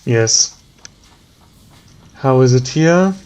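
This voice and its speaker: A man with a German accent giving tired, slow let's play commentary, thinking aloud with many pauses and ums. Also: mid-range voice, expressive, darkish tone, clear, resonant tone. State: tired, yawning. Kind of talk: relaxed gameplay commentary.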